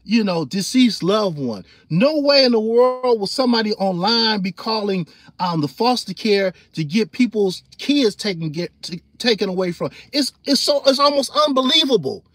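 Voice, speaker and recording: Loud, animated man chatting on a livestream. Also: sits high, moderate pace, no echo. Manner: loose and animated, laughs often, reads chat aloud, gets loud then calms down. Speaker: livestream host. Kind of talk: casual livestream chat.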